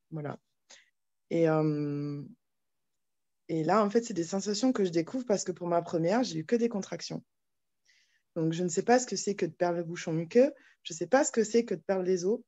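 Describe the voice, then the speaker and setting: A woman's voice: lowish voice, a little mellow. A young woman telling the story of her second child's birth at home in a chatty, casual way, often laughing and restarting her sentences. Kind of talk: casual spoken testimony. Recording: slightly dull lo-fi sound.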